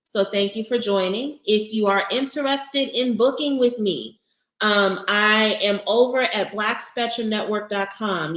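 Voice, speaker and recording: A woman's voice: medium pitch, fairly bright tone, echoey room, low-quality recording. A woman doing a livestream tarot reading for her audience, talking in a casual, heartfelt way that gets emotional and close to tears. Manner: emotional, holding back tears. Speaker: tarot reader.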